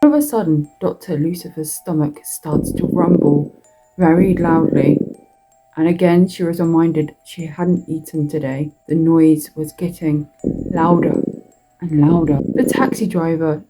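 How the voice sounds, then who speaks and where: A woman narrating a horror story in a slow, deliberate reading that draws out its words. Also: deep voice, steady tone, warm tone, breathy edge, faint music behind, low-quality recording.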